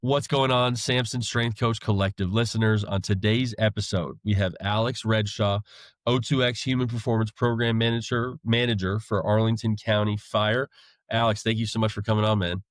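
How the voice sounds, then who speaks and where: A man's voice: on the low side, fairly even intonation, moderate pace, no room sound. An enthusiastic male podcast host with a half Southern, half Northern American accent. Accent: American, mixed Southern and Northern. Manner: upbeat, enthusiastic. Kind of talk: podcast interview.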